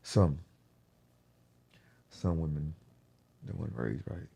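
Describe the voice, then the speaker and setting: A man's voice: extremely low pitch, lively intonation, slow, creaky, mellow, slightly rough. A young man hosting a podcast, telling a story in a casual, slangy way full of profanity. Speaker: podcast host.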